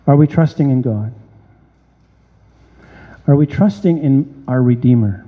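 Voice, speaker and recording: A man preaching a sermon, reading scripture aloud and firing off rhetorical questions with animated emphasis. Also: medium pitch, measured pace. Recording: dull lo-fi sound with long hall reverb.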